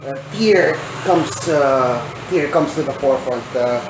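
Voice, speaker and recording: An echoey, noisy room surrounds this man as he runs a tabletop game. He has a mid-pitched voice and builds his narration in halting fragments, with many filled pauses. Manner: halting, piecemeal delivery with frequent filled pauses. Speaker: game master. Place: indoor room shared with players. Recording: echoey room, clear background noise.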